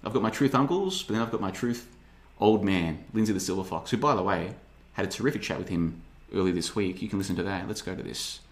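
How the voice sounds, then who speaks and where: A man's voice: low voice, animated, fast, few pauses. Rambling sarcastic man in his thirties. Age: 30s. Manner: rambling, sarcastic, mimics people in mocking voices. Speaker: podcast host. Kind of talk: casual livestream monologue.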